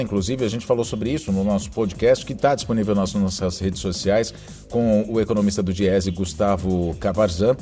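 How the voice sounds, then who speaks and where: A man's voice: lowish voice, mellow. A man from Brazil hosting a weekly news roundup podcast, reading in a conversational way with asides and self-corrections.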